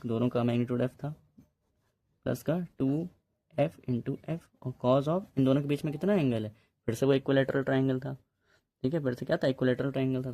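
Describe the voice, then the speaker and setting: A man's voice: mid-range voice, warm tone. A man teaching a physics lesson in a casual, chatty way, often checking in with his students. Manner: chatty, addresses students as bhai, repeats ok.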